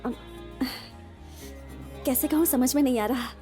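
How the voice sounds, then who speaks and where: Dub role: bright high-voiced teasing young heroine, chatty. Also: female voice, a little slow, faint music behind. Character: playful young woman Nancy, teasing. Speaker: film heroine. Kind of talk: Hindi film dub.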